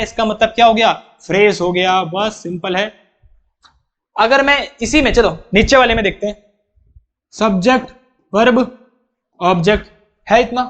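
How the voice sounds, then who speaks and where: High-voiced emphatic male grammar teacher. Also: fairly bright tone. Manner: emphatic, asks questions and answers them himself; drills terms by repetition. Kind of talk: classroom-style grammar lesson.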